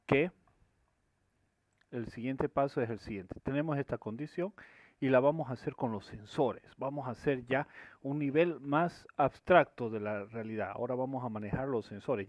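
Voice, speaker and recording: Guy walking through a coding lesson, middle pitch, keeps checking ur following, dry dull lo-fi sound. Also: no room sound. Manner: explains step by step, often checks with "¿sí?". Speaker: teacher. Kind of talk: screen-recorded programming lesson.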